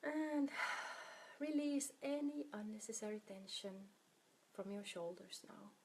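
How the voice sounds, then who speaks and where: A woman guides a meditation in a soft, soothing, unhurried way, her medium-pitched, breathy voice often trailing off toward a whisper.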